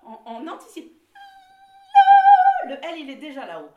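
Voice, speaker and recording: During a choir workshop in a room of singers, a woman speaks at a moderate pace, her voice sitting high, as she explains technique, laughs often, and sings brief examples with lively energy. Loud music plays behind her voice, and the distant mic picks up an echoey room.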